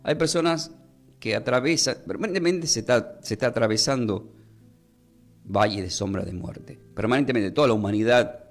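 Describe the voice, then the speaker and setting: A man preaches a sermon at a mid pitch. He talks in a measured way and slows down to stress key words. Faint instrumental music plays softly behind him.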